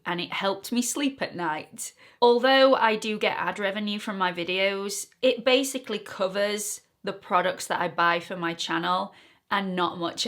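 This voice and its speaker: A woman in her thirties talks straight to camera in a casual beauty vlog, her voice sitting at a medium pitch. She speaks earnestly and sounds a little nervous and emotional. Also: fairly bright tone. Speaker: beauty YouTuber and esthetician.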